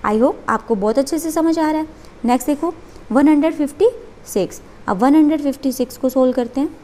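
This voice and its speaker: A woman's voice: sits high, dark tone. A woman teaching a maths lesson, working step by step and asking and answering her own questions.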